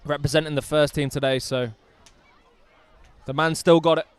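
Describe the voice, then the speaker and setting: A man calling a rugby match live from the ground, enthusiastic and chatty with jokey asides. His voice sits a touch high and rings out clear and smooth. The sound is close and dry. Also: fairly even intonation, normal speed, dry recording. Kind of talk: live sports commentary.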